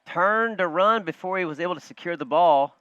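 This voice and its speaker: A man calling live football play-by-play from a broadcast booth, quick and chatty, joking with his partner. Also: high voice, sharp tone, clear, resonant tone, no room sound. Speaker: play-by-play announcer. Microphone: broadcast booth headset. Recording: dull, muffled broadcast audio.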